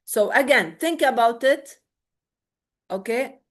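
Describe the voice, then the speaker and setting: A Lebanese webinar trainer leads an interactive online workshop, speaking with a Lebanese Arabic accent. Her voice is a little high, expressive, and slow, and she tends to repeat words and check in often with "okay?".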